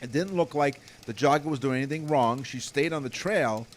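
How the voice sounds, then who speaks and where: A man's voice: medium pitch, fairly quick, slight background noise. A man co-hosting a joking chat show, telling puns and laughing often. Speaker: co-host.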